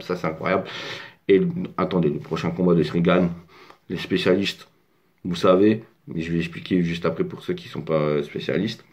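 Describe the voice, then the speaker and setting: A man's voice: deep voice, darkish tone. A man from France casually breaking down a fight on his own at home, rambling with lots of fillers and restarts. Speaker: MMA fight commentator. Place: home desk.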